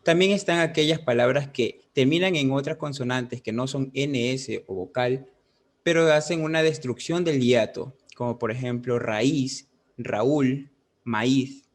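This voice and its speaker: Young guy student reading his slide part, measured, mid voice. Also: mid-range voice. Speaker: student presenter. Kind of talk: reading a class presentation.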